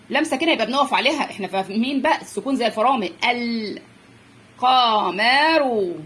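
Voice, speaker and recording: A woman's voice: a little high, a bit bright, a little hiss or hum. A young woman with an Egyptian accent teaching children's reading to parents, drilling letter sounds and stretching out words as she repeats them. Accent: Egyptian Arabic. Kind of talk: phonics lesson for parents.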